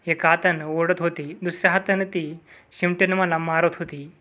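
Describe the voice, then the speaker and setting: A man reading a first-person story aloud in a steady narrating manner. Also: on the high side, moderate pace.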